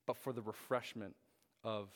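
A man's voice: fairly low pitch, steady tone, normal speed, a bit bright. A young man preaching a sermon, telling a story with frequent fillers and restarts. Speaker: pastor. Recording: long hall reverb.

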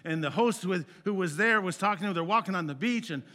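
Speaking fast, a male pastor preaches with earnest, conversational warmth, alternating emphatic loud moments with hushed, low-pitched phrase endings.

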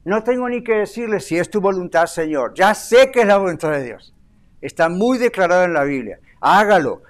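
An older man preaching a sermon in an animated way, asking the congregation questions and dropping in English phrases. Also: sits high, moderate pace. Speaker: pastor.

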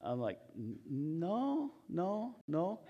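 A Hawaiian pastor delivers a chatty sermon full of personal anecdotes, his fairly high voice swinging wildly in pitch through a lo-fi recording. He's self-mocking and laughs at himself often. His delivery is halting, with constant restarts and fillers.

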